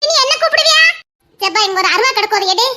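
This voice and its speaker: A young woman, voicing a cheeky village woman in loud, laughing, bickering audio-drama banter. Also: extremely high pitch, lively intonation, fast talker, exaggerated voice. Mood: playful.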